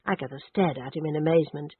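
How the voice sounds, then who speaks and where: A woman narrating an audiobook in a measured, descriptive reading style. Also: low-pitched, breathy edge, no room sound. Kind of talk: scripted narration. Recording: dry, narrowband phone-like audio.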